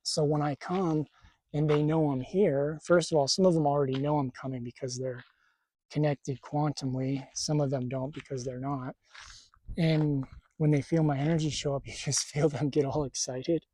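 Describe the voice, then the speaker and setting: A man talking casually to camera at a desert campsite, halting and stuttering, with a tight, strained throat. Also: a little high, fairly even intonation, dark tone. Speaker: spiritual vlogger.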